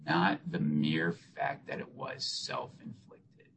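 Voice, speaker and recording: A man arguing a case in court, losing his voice and halting with many ums and restarts, in a noisy recording. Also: very deep voice, level tone. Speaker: attorney arguing an appeal. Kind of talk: courtroom oral argument.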